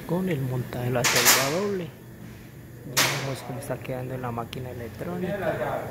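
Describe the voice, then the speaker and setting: A man with a Colombian accent walks through his metal workshop on a handheld phone, plainly explaining the build. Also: mid-range voice. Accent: Colombian Spanish. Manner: plain, unhurried walkthrough of the work. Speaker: metalwork shop owner. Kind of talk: narrating a workshop build video. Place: metal workshop and machine room. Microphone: handheld phone camera. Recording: loud workshop noise.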